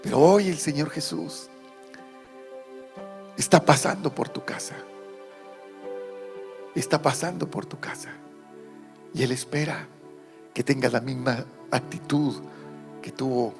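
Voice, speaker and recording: A man's voice: medium pitch, slow, vocal fry, pauses often, faint music behind. A man preaching an online sermon as pastor, repeating his phrases and building to fervent appeals.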